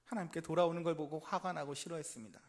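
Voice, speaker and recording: A man preaching a sermon as pastor, dramatic, acting out quotes with big swings in loudness and asking the congregation questions. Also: a little high, steady tone, very fast.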